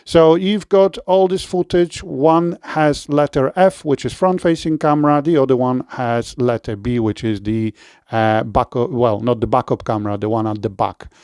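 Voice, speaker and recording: A man with a Polish accent giving a relaxed product review and installation walkthrough, with frequent fillers and self-corrections. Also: mid-range voice, moderate pace, clear, resonant tone, no echo, studio quality.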